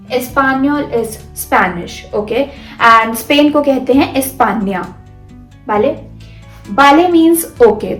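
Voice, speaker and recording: Woman, patient language teacher, high voice, slow delivery, roomy sound. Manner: slow, repeats words for learners to copy. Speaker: Spanish teacher. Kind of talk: beginner language lesson. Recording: roomy sound with soft background music.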